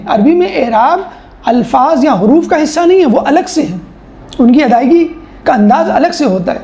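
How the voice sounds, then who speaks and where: A woman teaches a classroom lecture, walking through points step by step, posing rhetorical questions and imitating how people talk. Her voice sits high with a dark tone, heard in an echoey room with the highs cut off.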